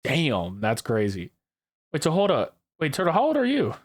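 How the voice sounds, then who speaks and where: Here a young man in his early twenties hosts a podcast, talking casually with friends while he rambles, repeats himself and swears a lot. His voice sits on the high side with wildly swooping pitch, at a normal speed.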